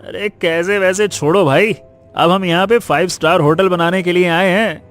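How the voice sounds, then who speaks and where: A male narrator voicing a playful young male friend who teases in a bright, lifted voice, in an audio drama. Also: high-pitched, fairly even intonation, normal speed, faint music behind, pitched above the performer's own voice. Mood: teasing. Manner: teasing, playful. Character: Rahul, cheeky young male friend, teasing.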